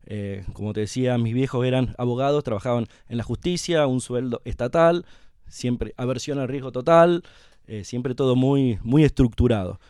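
A middle-aged Argentine man from La Pampa, a company co-founder chatting as a guest in an interview, telling his story in a relaxed way with lots of fillers. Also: medium pitch, moderate pace, smooth, no echo, clean studio sound. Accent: Argentine Spanish. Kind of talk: casual interview conversation.

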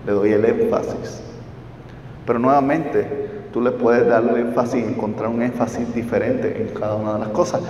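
A man's voice: medium pitch, fairly even intonation, moderate pace, a little mellow, slight background noise. A man teaching a Bible study class, explaining step by step and checking in with his listeners through questions. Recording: roomy hall, distant mic, dull.

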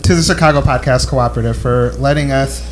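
A man's voice: mid-range voice, fast. A young man in his twenties co-hosting a live podcast, joking and laughing often as he wraps up. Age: 20s. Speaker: podcast co-host. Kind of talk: casual live podcast chat.

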